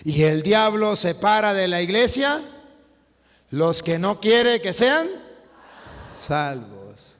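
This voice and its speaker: Priest guy preaching, highish voice, jumps loud and soft a lot, long echo tail. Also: slow pace, pauses often. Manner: animated storytelling with sudden swings in pitch and loudness. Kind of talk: preaching sermon. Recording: long hall reverb.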